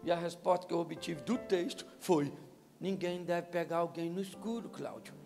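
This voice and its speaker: Speaking at a normal speed with a high-sitting voice and vocal fry, this older man carries a Brazilian Portuguese accent. He's a pastor on a large church hall stage, using a handheld mic to deliver a funny talk to couples, joking with energy and quizzing the audience. Long reverb and faint music fill the live recording.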